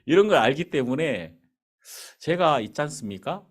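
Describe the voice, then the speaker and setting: A man with a slightly high voice and a moderate pace preaches from a church sanctuary. He tells a story as part of his sermon, animatedly acting out each speaker's lines.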